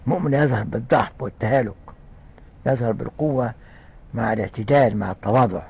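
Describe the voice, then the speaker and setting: An older man with an Egyptian accent giving a conversational religious lesson, often pausing with fillers and restarting words. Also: medium pitch, creaky, slightly rough. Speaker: religious scholar. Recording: muffled lo-fi recording.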